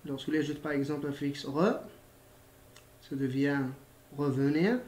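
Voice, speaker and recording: A man's voice: a little high, level tone, moderate pace, a little mellow. Male teacher, recorded primary school lesson, patient and repetitive, spells out letters, hesitant fillers, echoey room. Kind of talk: recorded grammar lesson for pupils.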